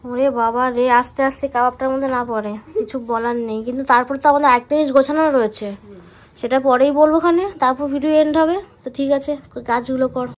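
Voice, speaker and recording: A young woman with a high voice talks fast in a casual vlog chat. She's lively and chatty, though hushed because it's late at night.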